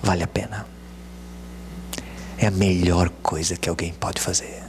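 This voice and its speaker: Male pastor, sermon, animated delivery, dips to whispers, faint hum. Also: deep voice, measured pace. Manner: animated, swings from hushed to loud calls. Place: church.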